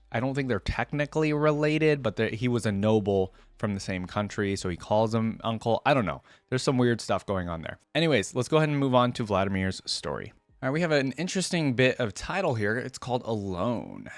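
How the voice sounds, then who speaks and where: Here the reaction-video host has a medium-pitched voice and there's no room sound. He reads passages aloud, then drifts into casual, rambling commentary, thinking aloud in an informal way.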